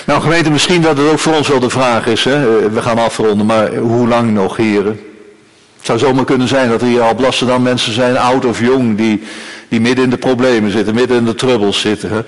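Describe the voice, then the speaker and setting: Preacher in a reverberant church. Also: male voice, medium pitch, fairly even intonation, brisk. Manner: emphatic, frequent tag "hè" and repeated phrases. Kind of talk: sermon.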